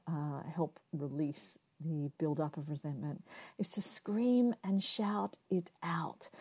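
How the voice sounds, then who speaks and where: Mellow low-voiced woman giving gentle advice. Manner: calm, encouraging, speaks directly to the listener. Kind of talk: instructional talk to camera.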